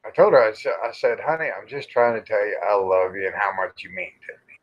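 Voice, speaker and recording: A middle-aged man hosts a casual livestream chat, his fairly low voice moving fast with lively intonation. He talks in a folksy, rambling, salty-tongued way. The livestream audio is dull and lo-fi.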